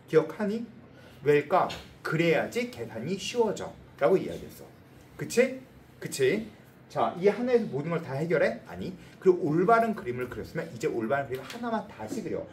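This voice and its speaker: A man teaching a math class in a brisk lecture, working through a problem and checking in with the students often. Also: a little high, a little hiss or hum. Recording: echoey room, heard from a distance.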